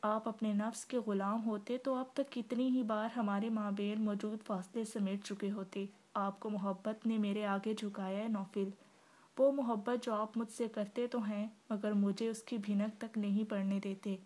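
A woman reading the part of a calm young wife who speaks softly and steadily in a storybook novel. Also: mid-range voice, moderate pace, lightly acted. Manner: soft, composed.

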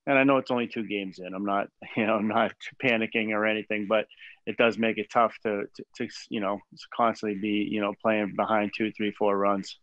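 A man in his forties, a head baseball coach, answering press questions after a game in a measured way with many fillers and restarts, over a video call from a small room. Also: fairly low pitch, level tone, a bit bright, no room sound. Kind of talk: postgame press conference. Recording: dull dry video call audio.

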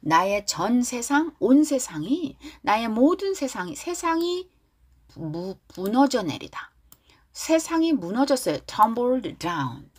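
A woman teaching English through a pop song, first explaining its background and then drilling each lyric line slowly. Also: fairly high pitch, big pitch swings.

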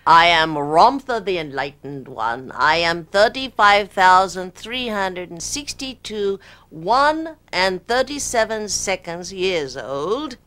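A woman voicing an ancient male spirit with a put-on British accent, speaking in slow, solemn, archaic phrases. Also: on the low side, expressive, fairly bright tone. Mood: grandiose. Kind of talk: channeling performance.

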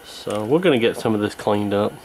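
The radio repairer keeps up a quick, animated running commentary while he works at his indoor bench, his low voice slightly mellow. A handheld camera close by records him, and the poor audio carries noticeable background noise from its mic.

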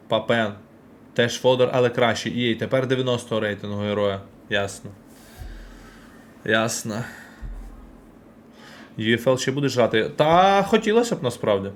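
A faint hiss or hum sits under a fairly low male voice as he streams a football card game. He opens packs, reacts quickly, and chats casually, speaking directly to his viewers.

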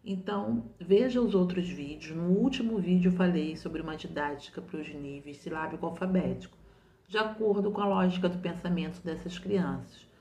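A literacy teacher from Brazil explains patiently and step by step, often repeating her points. Her fairly low, mellow voice moves at a moderate pace. The home recording is roomy and muffled with slight background noise.

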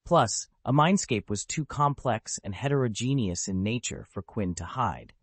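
A man narrating an audiobook with a steady, literal reading of the text. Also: medium pitch, moderate pace, husky, no echo. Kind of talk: scripted narration.

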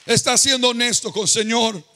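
A man preaches with an unusually high, gravelly voice. His tone is bright and forceful, and he lets words stretch out slowly. At the peaks he chants and shouts with fervor. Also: expressive. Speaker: pastor. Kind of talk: sermon.

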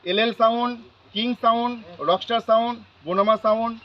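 Fast, high-voiced man addressing a crowd. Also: steady tone. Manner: reads out a long list of names, with fillers. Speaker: sound system association spokesman. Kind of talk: public announcement at a meeting. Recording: muffled, crowd noise behind.

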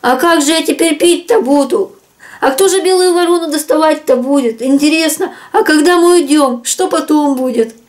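A woman's voice: sits high, pitched above the performer's own voice, close to an everyday voice. Woman putting on a drunk hiccuping hedgehog. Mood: fretful. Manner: hiccups, slow tipsy drawl. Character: drunk hiccuping male hedgehog, dim and touchy.

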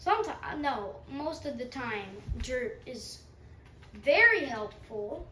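Slow, chatty woman with a stuffy nose. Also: high voice, lively intonation. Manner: chatty, rambling, self-mocking. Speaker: gaming channel host. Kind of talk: let's-play commentary. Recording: roomy, distant mic, faint background hum.

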